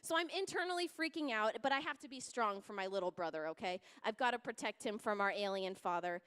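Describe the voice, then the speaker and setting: A young woman telling a funny story at a church youth service, animated and laughing as she acts out voices. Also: medium pitch, fast talker, clear, resonant tone. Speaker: youth speaker. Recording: long hall reverb.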